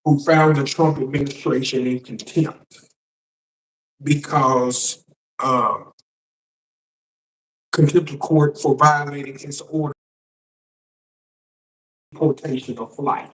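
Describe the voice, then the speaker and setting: A man hosting a live political news stream as a shock jock, talking casually to viewers in a halting way and repeating words. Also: mid-range voice, steady tone, fairly bright tone. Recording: roomy echo, distant microphone.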